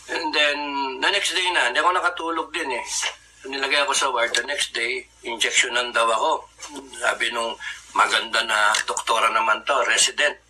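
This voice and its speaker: A Filipino man tells an old story in a loose, chatty way, laughing along and slipping into the voices of the people he quotes. His tone is very bright and forceful, with a faint hiss of background noise. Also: medium pitch, fairly even intonation, normal speed, rough recording. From Philippines. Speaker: guest recounting a survival story. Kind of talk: casual anecdotal storytelling.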